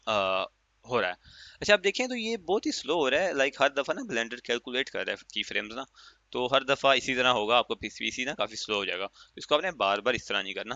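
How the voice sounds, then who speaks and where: A man teaching a software tutorial in a chatty, step-by-step way, with an Urdu-inflected accent and many fillers. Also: medium pitch, no room sound. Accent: Urdu-inflected Hindustani. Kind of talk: casual screen-recorded tutorial. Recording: dry, muffled lo-fi mic.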